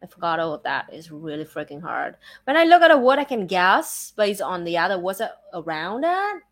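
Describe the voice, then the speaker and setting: Her voice sits on the low side but is very animated as this native Vietnamese speaker chats in accented English at normal speed. She restarts sentences a lot and leans heavily on the filler "like."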